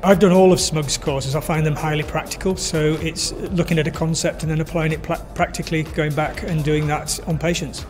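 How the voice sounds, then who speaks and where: A man giving a brisk, enthusiastic interview testimonial. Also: a little high, fairly even intonation. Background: music bed.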